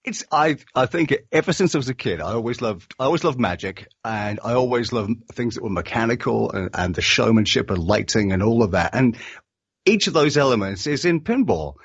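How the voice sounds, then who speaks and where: A man's voice: medium pitch, breathy edge, dry recording. A middle-aged man with an English accent, a voice actor on a remote call who jokes and mocks himself. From England. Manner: joking, self-mocking, restarts often. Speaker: voice actor guest. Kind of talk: casual interview chat. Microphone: remote video call. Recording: dull lo-fi audio, dry.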